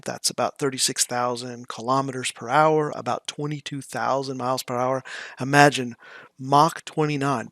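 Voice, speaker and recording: A man's voice: mid-range voice, fairly bright tone, dry recording. Middle-aged man explaining, dry close sound. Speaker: physics teacher, presenter. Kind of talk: casual explanatory lesson commentary. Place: small indoor room.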